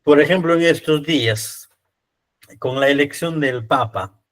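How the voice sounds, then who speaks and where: A man's voice: fairly high pitch, unhurried, fairly bright tone. Man, priest, Peruvian accent, conversational lecture, rhetorical questions, frequent tag questions. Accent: Peruvian Spanish. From Peru. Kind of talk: conversational lecture to church readers.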